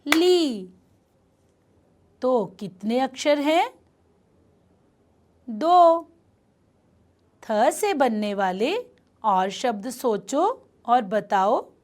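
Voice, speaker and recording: A woman teacher giving a phonics lesson to small children, sounding out words clearly and praising them often. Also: high voice.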